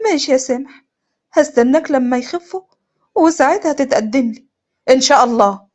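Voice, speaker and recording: ست بتمثل بنت مصرية متوترة بتترجى، صوت حاد. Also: female voice, high voice, brisk, darkish tone. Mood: pleading. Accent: Egyptian. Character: young woman, stubborn bride refusing her cousin.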